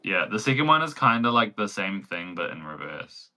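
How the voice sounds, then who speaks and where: A man's voice: fairly low pitch, big pitch swings, normal speed, pushed and bright. A young man with a New Zealand accent, hosting a casual crochet livestream in a chatty, giggly way, full of likes and ums. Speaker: crochet pattern designer and livestream host.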